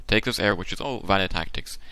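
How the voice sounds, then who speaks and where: A man's voice: low voice, brisk, sharp tone, smooth, dry recording. A man hosting his channel, giving casual tactical commentary on a game replay. He explains the options at length and thinks aloud, and his voice sounds tired and worn out.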